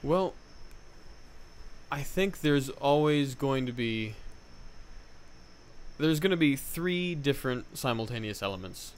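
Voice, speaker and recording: A man's voice: medium pitch, animated, slow pace, long pauses, clean tone. A male musician talking as a podcast guest. He speaks with enthusiasm and firm opinions, and he laughs easily as he chats. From United States. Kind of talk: casual interview chat.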